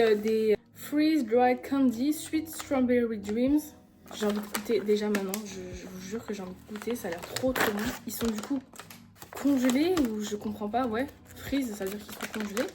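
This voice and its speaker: A woman's voice: fairly high pitch, background noise. A young woman chatting casually in a haul vlog, gushing with enthusiasm over her purchases, with music playing behind her. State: a little out of breath. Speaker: vlogger. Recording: background music.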